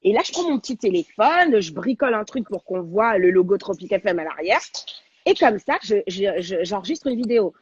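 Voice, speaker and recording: A woman, a guest on a talk show, telling a personal story in an animated, slangy, dramatic way over a video call. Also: mid-range voice, brisk, slightly rough, dry recording, dull audio. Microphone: video call on a livestream.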